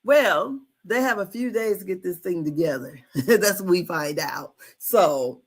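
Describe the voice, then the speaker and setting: A woman talks at a slow pace as co-host of a casual recap show. She muses her way through each point, halting and trailing off before picking the thought up again. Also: lowish voice, animated, breathy edge.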